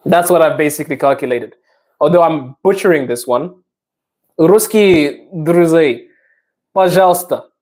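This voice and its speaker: A woman live-streamer, a native English speaker with an English-speaking accent in Russian, chats casually and playfully with viewers, sounding out Russian words haltingly and slipping into English. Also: sits low, a little mellow. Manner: playful, self-deprecating.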